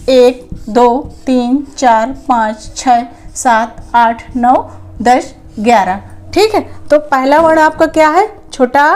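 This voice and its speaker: A young woman teaching Hindi grammar in an online lesson. She asks questions and answers them herself, repeats each point, and draws out the vowels slowly when she demonstrates them. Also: sits high, a little mellow.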